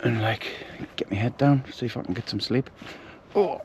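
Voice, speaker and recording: A middle-aged man, keeping his voice hushed as he tells a ghost story. He rambles and fills his pauses with ums and likes. His pitch sits in an ordinary middle range. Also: background noise. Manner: hushed, rambling, with many fillers. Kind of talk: casual storytelling to camera. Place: outdoors at night, camping.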